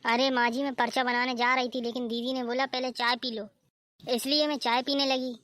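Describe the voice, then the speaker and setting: A woman's voice: high voice, flat delivery, a little fast, a bit bright, dry recording, studio quality. A woman voicing a polite, apologetic young daughter-in-law in a cartoon story.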